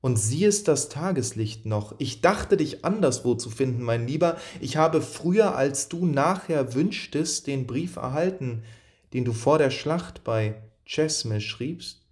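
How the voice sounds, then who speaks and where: A man's voice: medium pitch, lively intonation, unhurried, darkish tone, close to an everyday voice. A man reading aloud the letter of a loving young woman, in a tender, earnest way.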